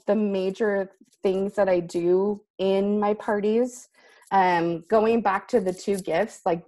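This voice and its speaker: A woman's voice: mid-range voice, mellow. A woman on a group video call, chatty and upbeat, often saying "like" as she shares tips. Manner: chatty, says like a lot. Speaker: consultant sharing tips. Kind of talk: casual group call talk.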